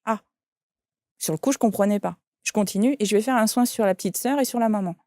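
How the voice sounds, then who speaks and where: A woman's voice: medium pitch, fast, darkish tone, no echo, clean studio sound. A woman, a shaman and medium, telling an anecdote in an interview and quoting the people in it. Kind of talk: interview storytelling.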